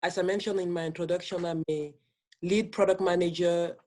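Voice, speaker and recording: A man speaking on a video call panel, halting and repeating words as he explains his work. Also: sits high, flat delivery, a little mellow. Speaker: panelist, product manager.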